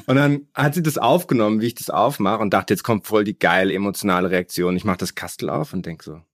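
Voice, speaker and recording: Fast-talking man with a low voice. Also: no room sound, studio quality. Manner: eager storyteller, slangy, quick to agree. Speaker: podcast guest. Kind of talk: casual chat.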